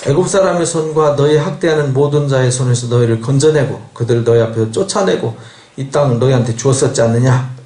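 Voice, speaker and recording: A man's voice: medium pitch, darkish tone, echoey room. A man pastor giving a Bible lecture sermon, acting out quoted dialogue and asking rhetorical questions. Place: church sanctuary.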